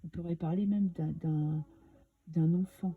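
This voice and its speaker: A woman's voice: lowish voice, steady tone, a little slow, husky, phone-quality sound. A woman with a French accent giving a casual, chatty tarot reading to her viewers, with many fillers and restarts. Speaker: tarot reader.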